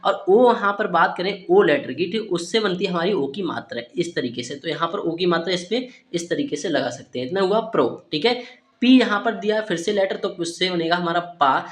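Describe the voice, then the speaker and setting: A man with a high, fairly quick voice gives a phonics lesson to Hindi speakers, spelling English words letter by letter. He keeps saying "ठीक है" and answers his own questions, in a recording with a roomy echo.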